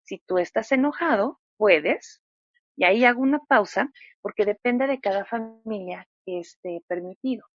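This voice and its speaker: Expressive woman psychologist, dry muffled sound. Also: mid-range voice, moderate pace, no room sound. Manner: expressive, acts out examples with lively voices. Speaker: psychologist guest. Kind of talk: interview answers.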